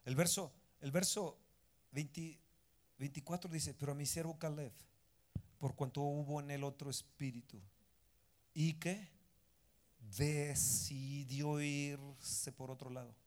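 A man preaching a sermon, firing rhetorical questions and breaking into sudden loud outbursts. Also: fairly high pitch, steady tone, takes it slowly, long pauses. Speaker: pastor.

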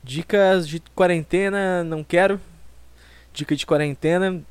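A man's voice: high-pitched, fairly even intonation, a little slow, clean tone, dry recording. A young man in his twenties from Brazil, hosting a solo comic podcast with a rambling, self-mocking and profane way of talking, close to the mic. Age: 20s. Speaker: podcast host.

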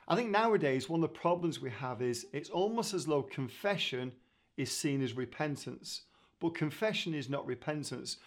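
Middle-aged male teacher, mid pitch, earnest, talks loosely with restarts. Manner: earnest, conversational, with frequent restarts. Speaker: ministry founder teaching on leadership. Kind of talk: recorded teaching talk.

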